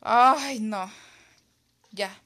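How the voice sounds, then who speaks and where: Brief: young woman streamer, slightly high voice, chatty and excitable, music playing underneath. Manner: chatty, excitable, quick laughs. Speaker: streamer playing a mobile game. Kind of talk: casual live-stream chat.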